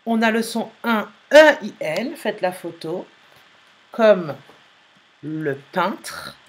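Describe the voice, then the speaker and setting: A woman teacher, slowly dictating a sentence and spelling out letters in a phonics lesson. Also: medium pitch, sing-song, slightly rough. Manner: slow, careful dictation, repeating and spelling letters aloud.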